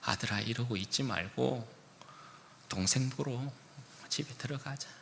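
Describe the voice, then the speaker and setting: A pastor voicing a gentle older father who quietly coaxes and consoles his son, in a sermon. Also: medium pitch, a little slow, gravelly, a little hiss or hum, pitched below the performer's own voice. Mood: tender. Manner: soft, hushed and tender. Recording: echoey church hall.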